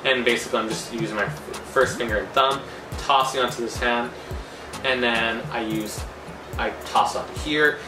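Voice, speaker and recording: A man with a mid-pitched voice gives an informal magic tutorial. He rambles loosely and thinks aloud as he explains. The room is echoey and he sounds set back from the microphone, with music clearly behind him. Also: fairly even intonation, normal speed, distant mic.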